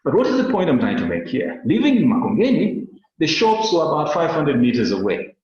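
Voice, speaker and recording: A Kenyan man teaching a webinar in an earnest, animated way, his pitch rising and falling widely as he explains. He often repeats a word while searching for the next. The sound is heavily echoey and dull, like lo-fi online-meeting audio. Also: fairly quick. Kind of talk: lecture on a webinar.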